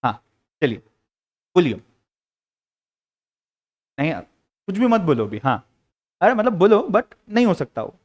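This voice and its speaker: A young man with an Indian accent runs a live classroom lecture, his voice pitched high for a man. He swings his pitch widely, playfully coaxing students to speak up and answer. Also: big pitch swings, a little slow, pauses often. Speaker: teacher.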